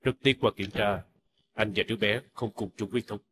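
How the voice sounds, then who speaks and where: An actor playing a doctor who reports test results in a formal, measured way. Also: male voice, fairly low pitch, steady tone, background noise, close to an everyday voice.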